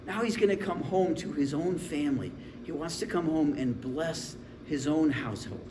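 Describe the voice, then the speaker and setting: Pastor in his 40s preaching, kinda high voice, chatty and jokey, echoey church room with faint hum behind. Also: moderate pace. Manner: conversational, humorous storytelling. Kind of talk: sermon. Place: church sanctuary.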